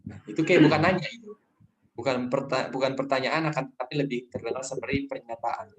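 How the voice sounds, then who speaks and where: A man's voice: medium pitch, fast, highs cut off, noisy background. A man teaching an Arabic lesson to a group online, explaining casually and thinking aloud with fillers.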